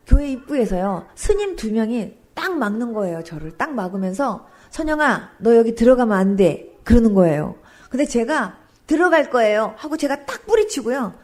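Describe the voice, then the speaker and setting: A woman pastor recounts her testimony in a church service. Her voice sits high, and her pitch leaps about as she tells the story with vivid sound words. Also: darkish tone.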